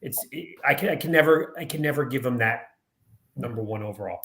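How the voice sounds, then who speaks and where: A man hosting a sports podcast, chatting quickly and casually. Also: medium pitch, vocal fry, a bit bright. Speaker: podcast host. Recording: echoey room, faint noise.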